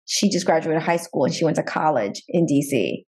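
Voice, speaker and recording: A woman in her forties, a lawyer talking through her background in a relaxed, thoughtful way with many pauses. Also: low voice, breathy edge. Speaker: guest, entertainment lawyer. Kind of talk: casual interview talk.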